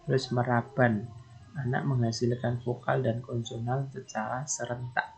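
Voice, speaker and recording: Guy recording a lecture, talks slow and says "nah" a lot. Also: mid-range voice, little pitch movement, creaky, poor audio. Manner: explains slowly, often says "nah", imitates baby babble.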